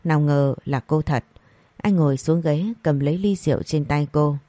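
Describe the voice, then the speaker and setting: A woman narrating a scripted story, reading each character's lines in the same even voice. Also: deep voice, moderate pace, no room sound. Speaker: audiobook narrator.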